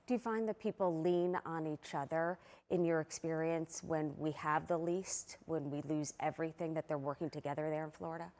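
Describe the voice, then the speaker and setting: This is a woman in a broadcast news interview. She speaks as the anchor, in a voice pitched on the low side for a woman, putting questions in full, presented phrases. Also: steady tone, moderate pace, hardly any pauses, a little mellow.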